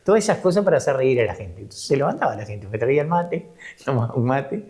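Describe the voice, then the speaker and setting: A man's voice: medium pitch, fast talker. A man, a former dance-hall presenter, telling anecdotes as a guest and acting out what others said, often laughing. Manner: animated, laughs often, acts out other people's lines. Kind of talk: anecdotal storytelling.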